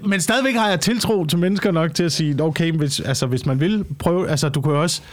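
A Danish man, a stand-up comedian, talking casually in a podcast chat. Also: a little high. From Slagelse, Denmark.

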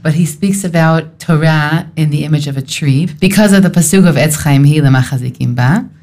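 Leading Torah study, a woman reasons through the text aloud, thoughtful and searching, with restarts along the way. She speaks a little fast in a low, mellow voice.

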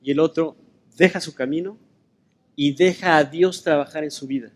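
Higher-voiced man preaching a sermon. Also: normal speed. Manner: conversational, rhetorical questions to listeners.

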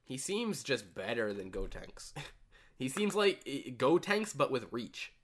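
A man's voice: medium pitch, big pitch swings, measured pace. A young man co-hosting a podcast, chatting casually about fighting games and reading stats out with lots of fillers. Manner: rambling, reads stats aloud with fillers. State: hiccups. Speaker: podcast co-host. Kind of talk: casual gaming chat.

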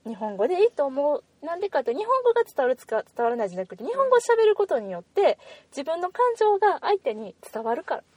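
A woman with a Kansai accent, co-hosting a casual podcast chat and explaining things in a lively way. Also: sits high, quick pace, hardly any pauses, no room sound. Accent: Kansai Japanese. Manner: lively, animated explaining with laughs. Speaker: podcast co-host.

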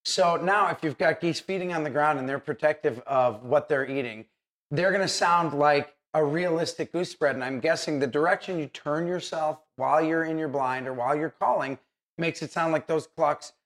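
A man's voice: a little high, moderate pace, a bit bright. A man hosting a casual how-to interview in an encouraging manner. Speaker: host.

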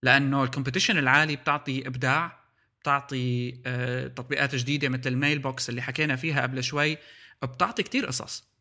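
A man's voice: mid-range voice, steady tone, quick pace, pushed and bright. A man with a Levantine Arabic accent in a casual tech discussion, sprinkling English words through his speech.

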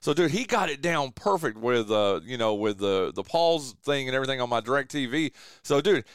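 A man hosting a casual sports podcast, animated and joking, calling his guest "dude". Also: mid-range voice, normal speed, smooth, no echo, clean studio sound. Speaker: podcast host.

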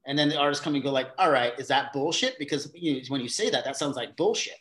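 A theater company facilitator, guesting on an interview podcast, speaks fast in an ordinary-pitched male voice. He thinks aloud with lots of fillers and restarts, doubling back on ideas, with occasional animated bursts in the casual conversation.

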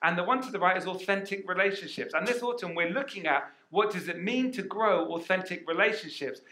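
A man preaching a sermon as pastor, energetic and questioning the congregation, on a headset mic in a church hall. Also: high-pitched, brisk.

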